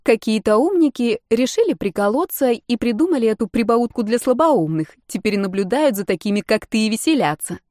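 A woman's voice: fairly high pitch, expressive, fairly quick, few pauses, darkish tone, no echo, pitched above the performer's own voice, natural voice. A woman playing a prim young woman with a dry, lecturing way of talking. The voice sits a little raised in a storybook reading, recorded close and dry. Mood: mocking.

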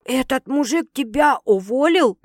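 A woman's voice: sits high, animated, unhurried, dry recording, studio quality, pitched above the performer's own voice, full character voice. A woman reading an audiobook voices Sveta, a brash young woman who teases her sister with bawdy, mocking jokes. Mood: teasing.

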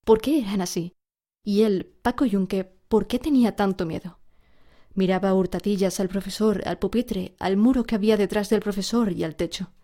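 Mellow woman reading a story. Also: mid-range voice, normal speed. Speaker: narrator. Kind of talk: storybook read-aloud.

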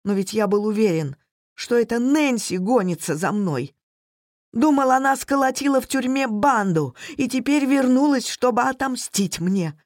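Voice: medium pitch, lively intonation, moderate pace, no echo, clean studio sound, voice pushed up, natural voice. A reader doing a trembling, frightened runaway husband. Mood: pleading. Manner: trembling, pleading.

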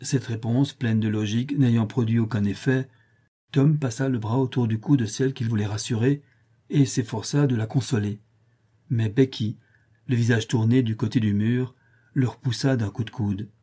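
A man reading a novel aloud in a measured, steady audiobook narration. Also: medium pitch, breathy edge.

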